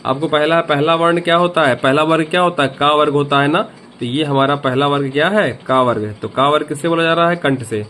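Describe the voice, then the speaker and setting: A man's voice: fairly high pitch, fairly even intonation, a little fast, bright, forceful tone, a little hiss or hum. A man teaching a grammar lesson, repeating each point and asking the viewer questions. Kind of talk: grammar lesson explaining a memory trick.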